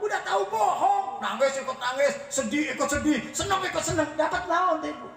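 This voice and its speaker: A man's voice: very high voice, lively intonation, a little fast, creaky, a bit bright. A man preaching a humorous sermon, teasing his audience and often asking them whether he is right. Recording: echoey room, voice from far off the mic.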